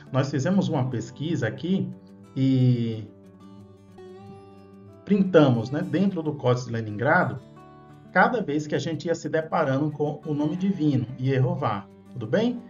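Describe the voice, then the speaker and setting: A man's voice: medium pitch, lively intonation, normal speed, a little mellow. A man giving an explanatory lesson on Bible languages, patient and often checking in with listeners. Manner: patient, checks in with tag questions. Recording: dull lo-fi sound. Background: faint background music.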